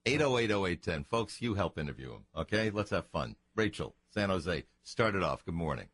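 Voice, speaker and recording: A male radio talk show host chatting casually with a guest, jokey and quick with interjections. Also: low-pitched, very animated, background noise. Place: radio studio.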